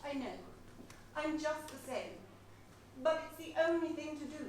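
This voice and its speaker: A woman's voice: high-pitched, fairly even intonation, moderate pace, lightly acted. An actress playing a composed, firm English woman parting from a lover, recorded on stage in an echoey hall from a distance. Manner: firm, composed, gently scolding. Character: genteel English woman leaving by train, firm. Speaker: stage actor. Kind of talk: amateur stage comedy acting. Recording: echoey hall, far mic, noisy.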